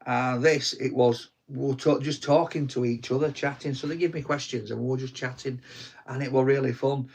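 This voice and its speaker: A man's voice: mid-range voice, steady tone, fairly quick, a little mellow, breathy edge. A young man with a Yorkshire accent co-hosting a casual live chat, teasing and rambling with restarts, tired from little sleep. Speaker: co-host of a live stream.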